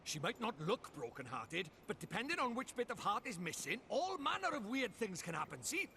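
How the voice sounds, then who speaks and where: A man's voice: high voice, sing-song, brisk, vocal fry, sharp tone, a little hiss or hum, full character voice. A man voicing a chatty little fairy sidekick in a video game, folksy and knowing. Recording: game audio with faint ambience.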